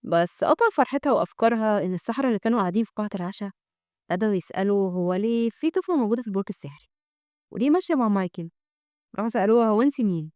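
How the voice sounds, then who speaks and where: A woman's voice: medium pitch, animated, racing, darkish tone, no room sound, clean studio sound. A woman with an Egyptian accent narrating a comic summary in a chatty, storytelling manner. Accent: Egyptian Arabic.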